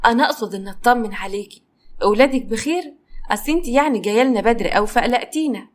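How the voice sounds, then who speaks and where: A prying, cold sister-in-law who covers it with false politeness, played by a woman with an Egyptian accent. The voice is a little high. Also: animated, very fast, close to an everyday voice. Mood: fake-polite.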